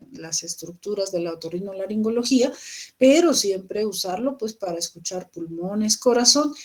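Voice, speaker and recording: A woman's voice: mid-range voice, darkish tone. A woman giving a recorded medical lecture, explaining patiently to students and often checking in with rhetorical questions.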